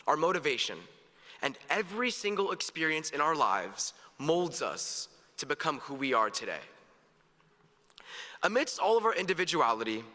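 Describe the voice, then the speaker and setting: A man's voice: on the high side, sharp tone. A teenage male student giving an earnest, upbeat graduation speech with jokes, in a large hall. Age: teens. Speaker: graduation speaker. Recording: echoey hall, long reverb.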